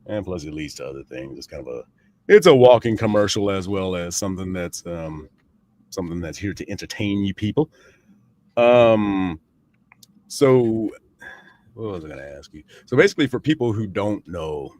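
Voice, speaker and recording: A man's voice: deep voice, animated, moderate pace, a little mellow, no echo. A man hosting a casual talk show, congested with a cold and nasal, as if someone were holding his nose, joking and swearing freely. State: stuffed up with a cold or sinus trouble. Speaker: host.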